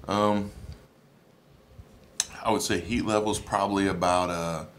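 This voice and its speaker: Man, very deep voice, casual food review, chewing with mouth full, hiccups, faint background hum. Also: fairly even intonation, unhurried. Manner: laid-back, rambling, lots of ums. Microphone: phone camera.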